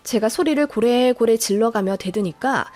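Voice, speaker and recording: A woman's voice: a little high, normal speed, a little mellow, faint music behind. A woman narrating a dramatic first-person family story in a scripted, emotional style.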